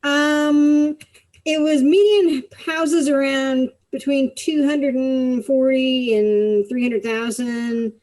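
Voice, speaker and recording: A woman giving a relaxed update on a casual video call, telling it in an easygoing way. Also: sits high, takes it slowly, low-quality recording. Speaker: meeting participant.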